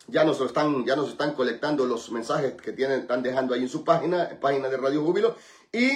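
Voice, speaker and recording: A radio pastor with a mid-range voice hosts a prayer program, praying fervently with repeated invocations. Between prayers he turns chatty and joking with listeners, and the sound is reverberant.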